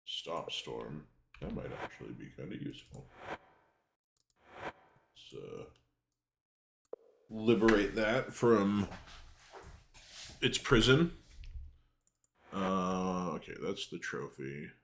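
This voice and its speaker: A man with a low voice comments casually on the game he is playing. He mutters to himself and swears offhandedly. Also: sing-song, slow pace, gravelly, long pauses, fairly bright tone, a little hiss or hum. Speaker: gamer playing and reading out a game.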